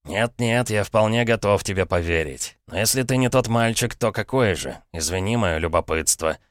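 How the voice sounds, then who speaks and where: A male reader plays a jovial brother-in-law in middle age who mocks everything. He speaks slowly and ironically in a low, smooth voice. The recording is close and dry. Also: no room sound, natural voice. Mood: mocking. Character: jovial, mocking middle-aged brother-in-law with a shady past. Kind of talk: audiobook character reading.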